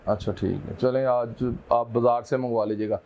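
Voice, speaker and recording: Pakistani man, host, mid pitch, teasing questions; muffled audio with faint noise. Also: fairly even intonation, normal speed, gravelly. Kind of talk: talk show hosting.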